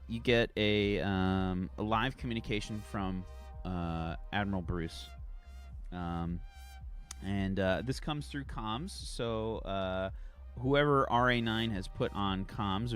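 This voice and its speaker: Deep-voiced, halting game master man. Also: steady tone, soft background music. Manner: halting, searching for words. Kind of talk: improvised tabletop game narration.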